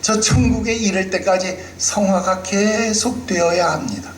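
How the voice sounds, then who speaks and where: A man's voice: high-pitched, a little slow, reverberant, slight background noise, rough recording. A male pastor preaching a sermon with emphasis, often putting rhetorical questions to the congregation.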